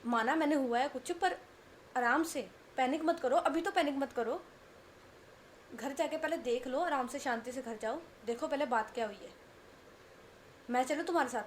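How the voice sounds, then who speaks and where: A woman voicing a caring young woman who gently calms her panicked partner in a reassuring way. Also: high-pitched, moderate pace, long pauses, slight background noise, lightly acted. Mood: soothing. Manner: soothing, reassuring.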